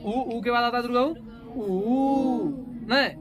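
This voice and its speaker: A woman teaching a grammar lesson, dictating slowly and repeating each phrase, often asking the class to say key terms back to her. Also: fairly high pitch, fairly even intonation. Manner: slow, repetitive, asks the class to echo key words back.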